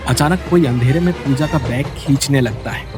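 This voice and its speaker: Over a music bed, a man with a medium-pitched voice narrates a scripted bedtime story at normal speed. His delivery is dramatic, in a storytelling style.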